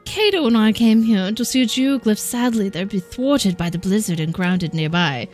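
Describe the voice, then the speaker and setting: A woman's voice: mid-range voice, lively intonation, moderate pace, a little mellow, faint music behind. A young woman casually chatting and giggling while streaming a video game, sometimes reading in-game dialogue aloud.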